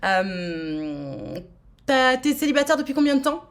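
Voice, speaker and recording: A woman's voice: sits high, sing-song, measured pace. A woman from France hosting a live-streamed speed dating show, chatting casually and playfully with many fillers.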